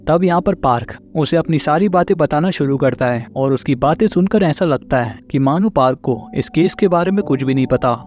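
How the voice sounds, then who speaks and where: A man with a Hindi accent recaps a film plot in an even, mid-pitched voice, stringing long sentences together at a steady storytelling flow. Soft music plays faintly underneath his scripted narration. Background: faint background music.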